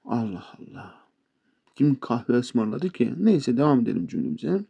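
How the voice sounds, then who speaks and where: A man's voice: mid-range voice, expressive, moderate pace, gravelly, breathy edge, highs cut off. A man teaching a casual spoken language lesson, chatting to viewers as friends with playful asides. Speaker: English teacher.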